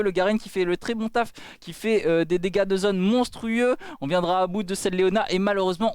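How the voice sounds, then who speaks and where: A man casting an esports match with excitement. His voice sits high and comes through smooth and crisp. He punctuates the play-by-play with repeated exclamations. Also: no room sound, clean studio sound. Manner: exclamatory, with repeated cries of dismay and amazement. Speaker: esports caster.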